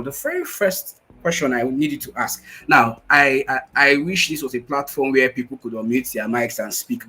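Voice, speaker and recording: Energetic man on a video call. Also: medium pitch, husky, low-quality recording. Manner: energetic, repeats phrases for emphasis. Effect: heard over a video call. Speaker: guest speaker. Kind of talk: motivational webinar talk. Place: at home in Nigeria on a shaky connection.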